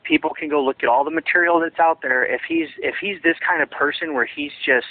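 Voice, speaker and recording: A former associate of a ministry gives a dry phone interview over a tinny line, rambling emphatically with many restarts. His voice is on the high side, steady in tone and fairly quick, with no room sound.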